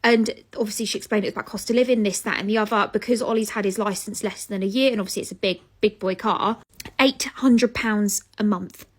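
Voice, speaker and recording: A young woman with a British accent tells a story straight to camera in a loose, chatty way. She sounds exasperated and swears casually as she goes. Her pitch sits in the middle range for a woman. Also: fairly even intonation, a little fast, breathy edge. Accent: British English. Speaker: vlogger.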